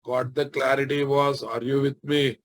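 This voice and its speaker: A man with a Telugu Indian accent giving an informal technical lecture as a software instructor, repeating phrases and often checking with tag questions that listeners follow. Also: mid-range voice, little pitch movement, moderate pace.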